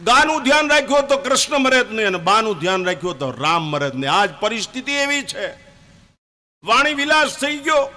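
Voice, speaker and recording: Older guru man preaching hard, really high voice, lots of punch. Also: sing-song, quick pace, few pauses. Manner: fiery, emphatic, rising to shouts. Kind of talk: sermon.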